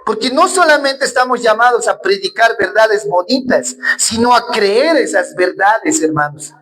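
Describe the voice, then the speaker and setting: A man's voice: high voice, animated, normal speed, fairly bright tone, rough recording. A man preaching a sermon in a church. He speaks earnestly, asks rhetorical questions and keeps turning to the congregation as brothers.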